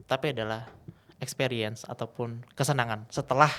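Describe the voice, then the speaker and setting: Animated man telling stories. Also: mid-range voice, normal speed. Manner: lively storyteller, acts out scenes. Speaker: guest speaker and MC. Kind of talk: casual podcast chat.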